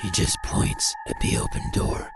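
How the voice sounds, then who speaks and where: A man's voice: measured pace, over music. A man giving scripted, suspenseful narration over paranormal video clips. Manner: dramatic, suspenseful storytelling.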